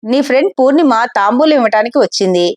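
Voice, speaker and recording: A woman's voice: fairly high pitch, animated, fast, darkish tone, dry recording, close to an everyday voice. A woman voicing a protective mother of a grown daughter who speaks curtly to hurry a visitor away. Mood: guarded. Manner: curt, keen to send visitors away.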